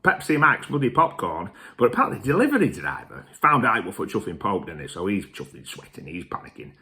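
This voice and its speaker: A man's voice: on the low side, huge pitch swings, fast talker, sharp tone. A man hosting a show in a boisterous, sweary, rambling comic rant to camera. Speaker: host.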